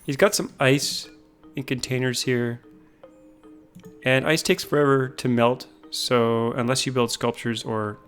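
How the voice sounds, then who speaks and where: A man casually talking through a game base, thinking aloud with frequent pauses. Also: mid-range voice, steady tone, fairly bright tone, clear, resonant tone, soft background music. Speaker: gaming YouTuber. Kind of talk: casual gameplay commentary.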